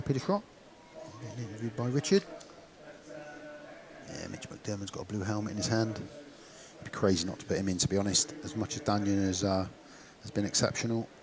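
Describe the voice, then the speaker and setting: A man with an English West Country accent giving chatty, informal live speedway commentary, thinking aloud as he goes. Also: lowish voice. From West Country, England. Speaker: speedway commentator and stream host. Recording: crowd noise at outdoor venue. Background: speedway stadium crowd.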